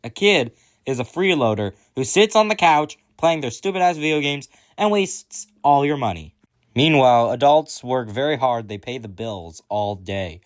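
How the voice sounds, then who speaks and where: A man's voice: medium pitch, animated, moderate pace. A man telling crude comic stories in a rambling, exaggerated rant. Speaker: comedian.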